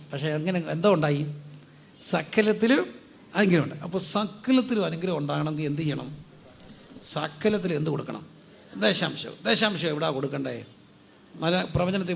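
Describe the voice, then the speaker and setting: Creaky-voiced preacher firing rhetorical questions. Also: male voice, a little high, a little fast, a little hiss or hum. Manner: fires rhetorical questions and answers them himself; drives call-and-response, urging the crowd to say it louder. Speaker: guest pastor. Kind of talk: sermon.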